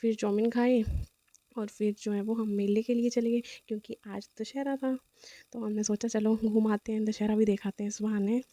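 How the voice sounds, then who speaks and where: A woman's voice: a little high, steady tone, normal speed, warm tone, dry recording. A young woman narrating her day out with a friend in a rambling, chatty vlog voice-over, full of fillers. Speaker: vlogger.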